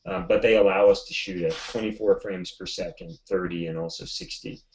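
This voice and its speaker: Deep-voiced man telling a story. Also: brisk, slight background noise, poor audio. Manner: animated storyteller, many fillers and restarts. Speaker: photographer guest. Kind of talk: casual storytelling in a webinar.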